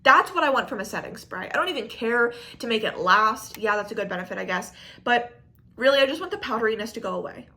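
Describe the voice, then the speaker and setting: A young woman with a bright, clear-toned voice chats casually to camera about beauty products. She rambles frankly, piling on "like" and "I don't know" as she goes. She is expecting a baby. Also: fairly high pitch, lively intonation, fast. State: pregnant. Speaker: beauty vlogger. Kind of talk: casual chatty product review.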